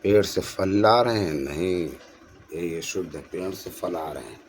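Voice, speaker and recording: Low-voiced man teaching an exam-prep lesson. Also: unhurried, background noise. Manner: explains answers by repeating the correct form; addresses viewers as friends. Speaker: teacher and channel host.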